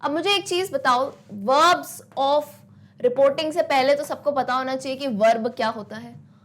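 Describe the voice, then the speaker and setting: A woman's voice: high voice, unhurried, a bit bright. A woman teacher, explaining English grammar in a mix of Hindi and English, asking her students questions and answering them herself. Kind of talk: classroom lesson explaining grammar.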